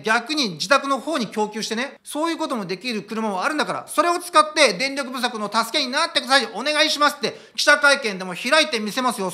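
A man giving casual political commentary in a sarcastic, animated, ranting way. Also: very high-pitched.

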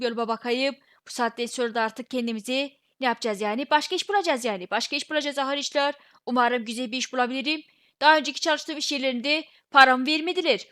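A woman's voice: a little high, a bit bright. A woman giving casual, joking gameplay commentary, grumbling playfully as she talks to her viewers. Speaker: gaming video creator.

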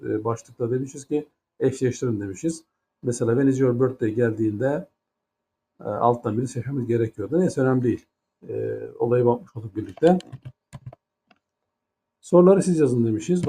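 In a mellow voice of medium pitch, a Turkish-accented man gives an English grammar lesson in Turkish. His explanations are patient and stepwise, punctuated by frequent rhetorical questions.

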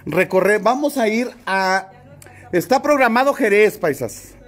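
A man hosts a casual livestream from outdoors in a small town. His voice sits fairly high for a man. He chats jovially, greeting viewers by name and teasing the people around him. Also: lively intonation, a little slow. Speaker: vlogger and livestream host.

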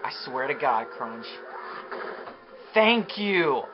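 A man giving gameplay commentary, frustrated, swearing and yelling at the game as he plays. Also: medium pitch, takes it slowly, over music. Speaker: let's play commentator. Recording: muffled lo-fi recording with steady noise.

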